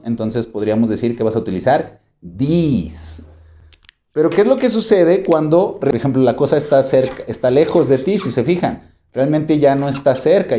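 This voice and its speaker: A man, an English teacher giving a patient video lesson and repeating examples slowly. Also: medium pitch, warm tone. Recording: roomy, slightly dull sound.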